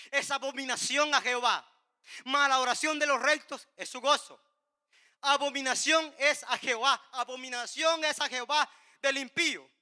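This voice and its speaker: Man, preacher, impassioned sermon, very high voice, sharp bright tone. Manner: impassioned, repetitive preaching with rising cries.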